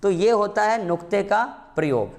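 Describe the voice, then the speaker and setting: High-voiced man teaching a grammar lesson. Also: lively intonation, moderate pace. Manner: asks students questions and answers them himself; calls students "beta", repeats key points. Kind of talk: classroom-style exam prep lesson.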